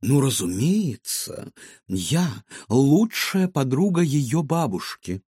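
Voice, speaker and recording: A man voicing a scheming middle-aged woman, a fortune-teller villain, who talks slowly in a drawling, mock-sweet way. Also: mid-range voice, very animated, dark tone, slightly rough, no echo, studio quality, heavily acted. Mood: sugary.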